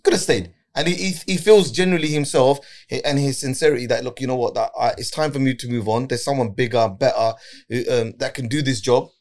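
A man's voice: medium pitch, a little fast, a little mellow. A middle-aged man in casual group chat, repeating words and phrases to make his point.

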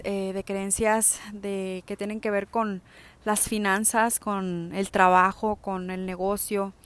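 Smooth-voiced woman giving a self-help talk. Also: mid-range voice. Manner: addresses listener directly, many fillers and restarts.

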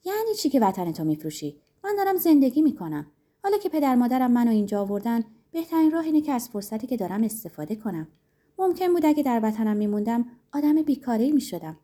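Brief: carefree young woman, teasing and breezy, raised lively voice, as the narrator puts her on. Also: fairly high pitch, voice pushed up.

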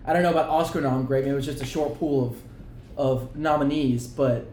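A man's voice: medium pitch, fairly even intonation, fairly quick, a little mellow, echoey room, a little hiss or hum. A man chatting casually about movies, jokey and rambling, often restarting his sentences. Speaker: podcast co-host. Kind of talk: casual chat.

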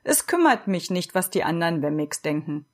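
A woman reading a storybook aloud and voicing a big, kind, bearded old woodcarver who speaks gently and slowly. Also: on the low side, big pitch swings. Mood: gentle. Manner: gentle, slow, reassuring.

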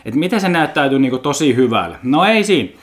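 A man's voice: mid-range voice, sing-song. A man with a Finnish accent hosting a podcast, rambling casually in a blunt, joking way, swearing often and tripping over his words. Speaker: podcast host.

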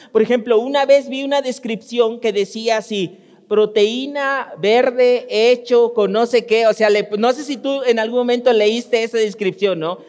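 A very high-voiced man preaches a conversational sermon, talking directly to the congregation and often restarting his sentences. His voice rings with the long reverb of a church hall. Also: a little mellow. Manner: speaks directly to the congregation, storytelling with frequent restarts. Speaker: pastor.

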